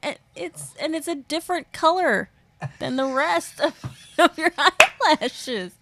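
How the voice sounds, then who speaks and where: A woman co-hosting a casual live stream from home, animated and quick to laugh and exclaim. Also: high voice, slight background noise.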